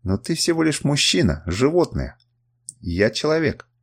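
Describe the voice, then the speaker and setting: A man's voice: mid-range voice, big pitch swings, measured pace, breathy edge, pitched above the performer's own voice, exaggerated voice. A man voicing a proud, cunning woman queen in an audiobook, with an emotional delivery in a raised voice. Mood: haughty. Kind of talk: audiobook character reading.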